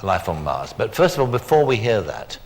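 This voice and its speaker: A man's voice: fairly low pitch, big pitch swings, fairly quick, a little hiss or hum. An older man hosting a talk show, asking chatty, leading questions. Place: television studio.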